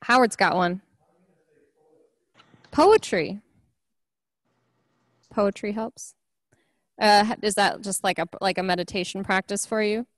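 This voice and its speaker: A woman's voice: mid-range voice, takes it slowly, pauses often, no echo. A woman leading a casual online church group discussion, chatty and saying "like" often. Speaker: worship leader.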